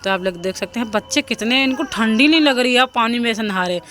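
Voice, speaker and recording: A woman's voice: on the high side, fast talker, fairly bright tone. A young woman narrating her home video in a chatty voice-over, often pleading with viewers to comment. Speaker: family vlogger.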